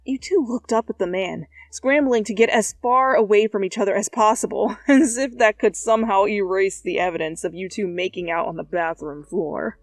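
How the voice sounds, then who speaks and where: A young woman reads fanfiction as ASMR in a casual way, laughing and dropping sweary asides. Her voice is medium-pitched at a normal pace with few pauses. She's recorded on a close studio mic with no echo, over soft music.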